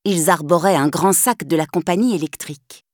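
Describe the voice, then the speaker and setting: A woman narrating a children's storybook in a clear, gently expressive reading. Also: on the low side, normal speed, no echo, clean studio sound.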